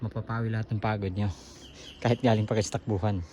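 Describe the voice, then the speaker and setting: A man's voice: on the low side, flat delivery, fast talker, dark tone, lo-fi sound, slight background noise. A man, out of breath, chatting casually to viewers as he explores a hillside trail outdoors on a handheld camera. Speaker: vlogger. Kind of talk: casual running vlog narration.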